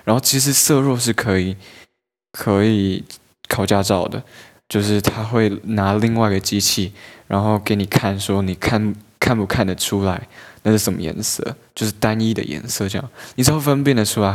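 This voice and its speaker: A man's voice: lowish voice, moderate pace. A young man telling funny stories about himself in a chatty, self-mocking way and laughing often. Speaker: podcast host. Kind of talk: casual storytelling monologue.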